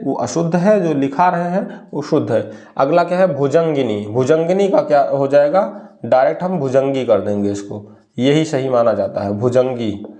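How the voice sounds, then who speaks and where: A young man teaching a Hindi spelling lesson, who asks a question and then answers it himself, drawing words out slowly to stress them. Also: fairly high pitch, darkish tone.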